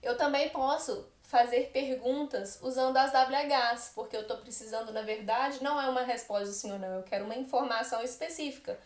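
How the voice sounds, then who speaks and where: Brazilian woman teacher, bright-pitched voice, echoey classroom sound, patient explainer. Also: a little fast, few pauses. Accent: Brazilian Portuguese. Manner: explains patiently with frequent "né?" and "tá bom?" check-ins. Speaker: English teacher. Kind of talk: classroom-style grammar lesson. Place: room where she writes on a board.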